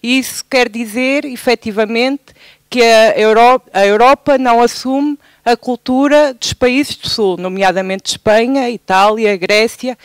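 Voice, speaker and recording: A woman's voice: fairly high pitch, fairly even intonation, a little slow, clean tone, dry recording. A Portuguese woman from the Algarve, speaking up from the audience with a hesitant, spontaneous delivery full of restarts. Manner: hesitant, many restarts and fillers. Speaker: audience member. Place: theatre hall.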